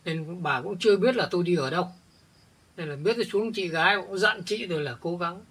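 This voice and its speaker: Guy doing older village dude kicked out by his jealous wife, stammery, bright edgy voice. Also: high-pitched, husky. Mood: weary. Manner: halting, repeats words when upset. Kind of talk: village family drama acting.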